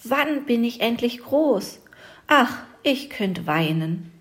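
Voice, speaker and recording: A woman voicing a small, impatient young fir tree in a higher, plaintive storybook voice. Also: lively intonation, a little slow.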